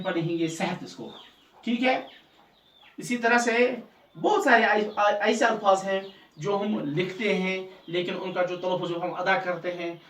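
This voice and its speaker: A man teaching an Urdu class, slowly repeating each word to drill its correct pronunciation. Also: sits high, fairly bright tone. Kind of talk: recorded pronunciation lesson. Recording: distant mic in a roomy space, faint ambient noise.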